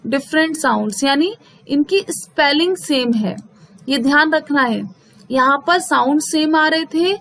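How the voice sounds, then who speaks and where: High-voiced woman teacher. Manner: mixes Hindi and English, reads English definitions slowly. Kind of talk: explaining a school English lesson.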